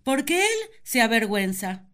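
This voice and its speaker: A woman's voice: a little high, normal speed, smooth. A woman voicing Eve, the curious and talkative first woman, narrating her thoughts. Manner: chatty, wondering, expressive. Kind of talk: radio drama narration.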